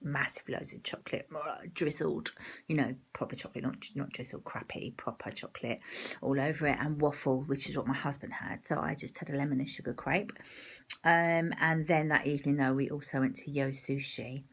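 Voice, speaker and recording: A woman's voice: sits low, steady tone, a little fast, husky. An English woman with a British accent chatting casually in a video diary, rambling and self-deprecating with lots of ums. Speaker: vlogger.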